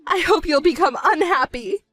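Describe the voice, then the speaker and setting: A woman playing a shrill self-pitying stepmother. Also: lively intonation, moderate pace, a bit bright, faint music behind. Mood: indignant. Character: shrill selfish middle-aged stepmother, whiny and manipulative. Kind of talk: dramatized story narration.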